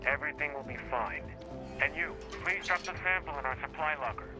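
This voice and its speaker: A man voicing a calm male doctor in a video game who reassures a patient and gives gentle orders. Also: a little high, a little fast, close to an everyday voice, low-quality recording. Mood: reassuring. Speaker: camp doctor. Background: loud game music.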